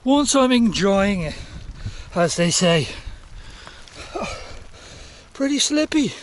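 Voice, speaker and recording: A man's voice: high voice, big pitch swings, slow pace. A middle-aged man with an Irish accent, out of breath, talking to a camera with wry understatement while climbing a rainy mountainside. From Ireland. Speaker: adventure vlogger. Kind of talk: casual vlog commentary while climbing. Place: outdoors on a steep, rainy mountainside. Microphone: action camera held close or clipped on.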